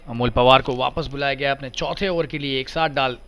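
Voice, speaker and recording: A man calls a cricket match with a bright, forceful voice at a medium pitch. He delivers excited play-by-play commentary in the practised style of a live sports commentator. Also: a little fast, smooth. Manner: excited cricket commentary, voice surging on big shots.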